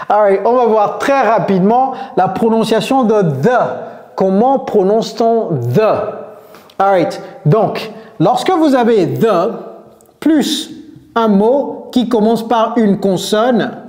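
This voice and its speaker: Man, english coach, higher pitched voice, lively teaching, playful, mixes french and english. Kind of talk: online English lesson in French.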